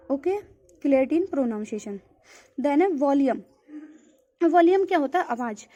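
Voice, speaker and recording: With a high but dark-toned voice, a woman teacher lectures her class in Hindi from a textbook. English terms slip into her Hindi, she addresses students as "beta," and she says "theek hai" again and again.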